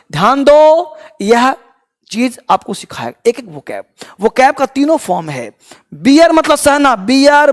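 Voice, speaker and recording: A man's voice: extremely high pitch, vocal fry. A young man teaching spoken English who drills each word form by repeating it aloud, switching between Hindi and English as he explains. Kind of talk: energetic classroom teaching.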